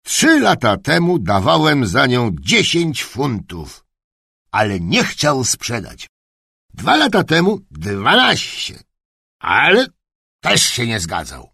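A grumpy old duke, put on by a male narrator, half-deaf and blustering, booming out his words. The voice swings wildly up and down in pitch, slow and husky, with a dry close sound in a storybook reading. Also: huge pitch swings, no room sound, exaggerated voice. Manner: booming, shouting.

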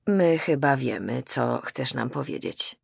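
A woman voicing a stern, quiet older father in an audiobook, speaking slowly and low. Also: animated, creaky, husky, dry recording, studio quality, exaggerated voice. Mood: grave. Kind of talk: audiobook character voice.

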